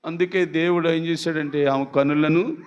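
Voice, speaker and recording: A man preaching a Sunday morning sermon with passion. He keeps asking the congregation questions and swings from shouts to low, quiet lines. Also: steady tone, normal speed, dull audio. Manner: impassioned preaching, rising to shouts and dropping low. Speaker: pastor.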